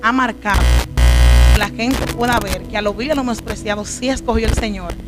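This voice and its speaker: A preacher from the Dominican Republic tells her life story in a testimony interview, earnest and emotional, with a Dominican accent. Her fairly high-pitched voice is brisk, with music in the background.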